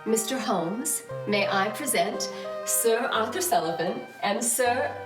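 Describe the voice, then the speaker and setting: A woman's voice: a little high, expressive, takes it slowly, reverberant, recorded from a distance, over music. A woman playing a gracious, flirtatious Victorian stage actress who speaks in a sweet, theatrical way. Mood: polite. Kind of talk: amateur online musical reading.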